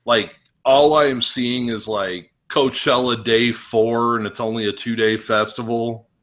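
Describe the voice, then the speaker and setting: A man co-hosting a wrestling podcast, talking in a loose, rambling way with lots of restarts and animated rants. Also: mid-range voice, a little slow. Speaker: podcast co-host. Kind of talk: casual wrestling podcast chat.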